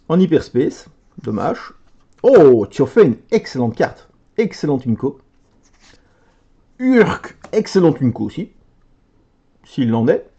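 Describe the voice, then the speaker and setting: A man chatting casually as he opens card packs for his video, letting out excited exclamations over each card. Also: fairly high pitch, slow, vocal fry, long pauses, breathy edge, dull audio. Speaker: card game video creator. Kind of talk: casual card pack opening commentary.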